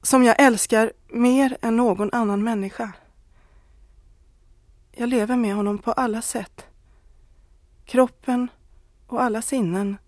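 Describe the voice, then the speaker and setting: A woman's voice: fairly high pitch, fairly even intonation, pauses often, a little mellow, no echo, natural voice. A woman voicing a married woman who confesses a love affair, earnest and pleading, close to tears. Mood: confessing.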